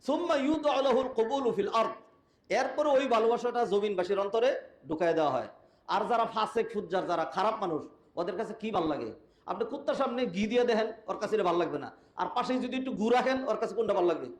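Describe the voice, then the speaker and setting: A man preaching a Friday sermon with a hoarse voice, in an impassioned way, asking rhetorical questions and shifting between everyday speech and Arabic recitation. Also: high-pitched, lively intonation, brisk, reverberant.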